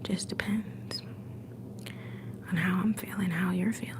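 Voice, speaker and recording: A woman with a lowish voice and fairly even intonation hosts a home ASMR livestream, speaking a little slowly. She alternates soft whispers with a soft-spoken voice as she gently welcomes viewers in chat, recorded on a phone set back from her, with a noisy background.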